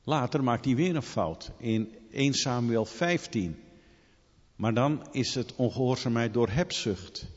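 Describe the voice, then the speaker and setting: A man preaching a sermon in an animated storytelling manner, full of rhetorical questions. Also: medium pitch, a little slow, husky. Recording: long hall reverb, dull lo-fi sound.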